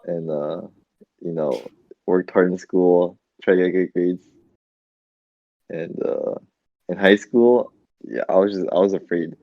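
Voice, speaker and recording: A young man on a podcast, speaking hesitantly and shyly with many ums and pauses. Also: low-pitched, steady tone, dry recording, highs cut off. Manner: hesitant, full of ums, shy. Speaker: podcast co-host. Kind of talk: casual chat among friends.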